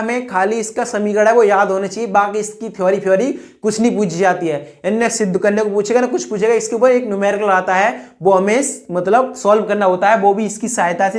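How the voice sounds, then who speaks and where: A woman teaching a chemistry exam-prep lecture who keeps asking rhetorical questions, repeating each answer and padding her sentences with "I mean" and "that is". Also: mid-range voice. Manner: fills speech with 'I mean' and 'that is'.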